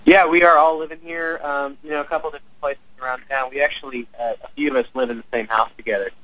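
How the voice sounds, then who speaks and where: A man's voice: on the high side, flat delivery, fast, a bit bright, no echo. A young man in his twenties, a band member talking in an easygoing way as a radio guest, with lots of fillers. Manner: easygoing, chuckling, filler-heavy. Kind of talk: casual interview by phone. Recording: phone call line.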